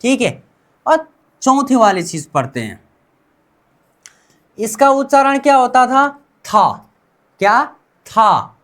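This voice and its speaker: A woman's voice: on the high side, big pitch swings, slow pace, long pauses, a bit bright. A woman with an Indian accent teaching Korean pronunciation in Hindi, repeating each word many times and asking her students questions before giving the answer.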